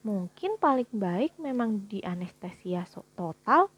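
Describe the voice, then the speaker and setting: A woman voicing a curious, blunt young girl in a storybook reading, with a breathy voice and eager, bright questions. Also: mid-range voice, sing-song, a little slow.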